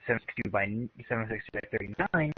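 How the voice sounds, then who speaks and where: A man's voice: fairly low pitch, expressive, quick pace, breathy edge, no room sound, narrow, tinny audio. A man explaining things in casual chat over a bad connection, his mic crackling and cutting in and out. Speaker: self-styled gun expert co-host.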